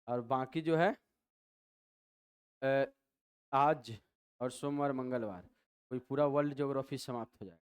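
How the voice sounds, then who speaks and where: A man's voice: medium pitch, a little mellow, clean tone. A man with a Bihari Hindi accent teaching a coaching class lecture, asking questions and answering them himself in repeated drills. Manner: repetitive call-and-response drilling.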